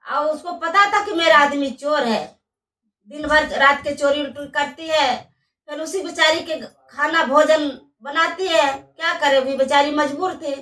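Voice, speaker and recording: A woman's voice: sits high, bright, forceful tone, reverberant, far from the mic. A woman telling a devotional folk tale in a rustic, repetitive oral style. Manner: rustic, repetitive oral storytelling, acting out dialogue. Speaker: storyteller.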